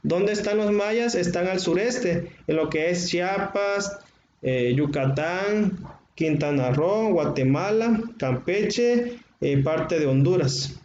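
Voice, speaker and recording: A history teacher with a Mexican Spanish accent lectures his class, explaining slowly, stretching out words and using frequent filler sounds. His voice is high, animated, and a little mellow, and the recording sounds roomy, dull, and faintly noisy.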